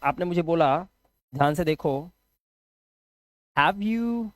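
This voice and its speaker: A man with a Hindi accent teaching an English grammar lesson, lively and joking, firing rhetorical questions at his students. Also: fairly high pitch, takes it slowly, no room sound.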